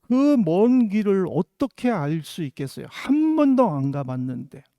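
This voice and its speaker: A man's voice: high-pitched, big pitch swings, unhurried, warm tone, dry recording. A middle-aged man from South Korea, a pastor giving a sermon with earnest storytelling and rhetorical questions. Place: church in Germany.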